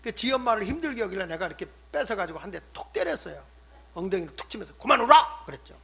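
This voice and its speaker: An older man, a pastor, preaching a sermon, swinging between loud emphatic stresses and hushed asides. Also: sits high, big pitch swings, racing, creaky, slightly rough. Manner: acts out scolding quotes in conversational tone.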